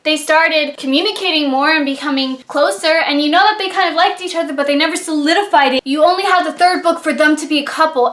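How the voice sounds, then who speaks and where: A woman's voice: sits high, fairly bright tone. A woman chatting enthusiastically in a casual book review vlog.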